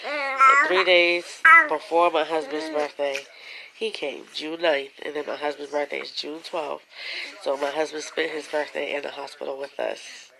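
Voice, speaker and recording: A woman's voice: deep voice, unhurried, vocal fry, crowd noise, low-quality recording. A young woman telling a personal story to her viewers in a casual, emotional way, at times fighting back tears, with features. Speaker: vlogger.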